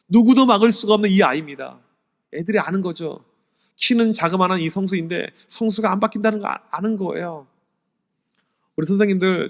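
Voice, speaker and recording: A male pastor giving an animated sermon-style seminar to teachers, telling stories and swinging from loud to hushed. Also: high voice, gravelly. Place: church sanctuary. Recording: long church hall reverb.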